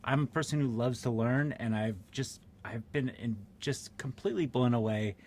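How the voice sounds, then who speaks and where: Excited candid guy director, mid voice, bit of noise behind. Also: medium pitch, moderate pace. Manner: enthusiastic, candid. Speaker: film director. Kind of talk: interview answers.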